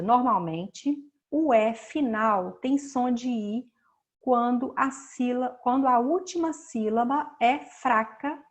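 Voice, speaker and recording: A woman teaching a recorded class in a patient, explanatory way. Her voice sits a little high. She stretches words out slowly so pupils hear which syllable is stressed. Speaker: schoolteacher. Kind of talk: recorded remote class lesson.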